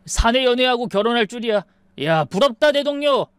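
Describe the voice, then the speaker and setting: Woman reading as bubbly coworker, teasing, high and loud, dry close sound. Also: lively intonation, fairly quick, smooth, no echo, lightly acted. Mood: cheerful. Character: cheerful office coworker at a wedding.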